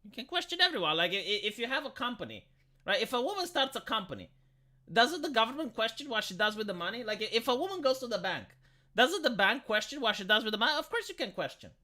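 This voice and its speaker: A man's voice: extremely high pitch, very animated, fast, pushed and bright. A man with a tinny, metallic sound, chatting casually and bluntly as a live streamer who argues back at comments. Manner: argumentative, blunt, swearing. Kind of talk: casual opinionated chat, answering comments.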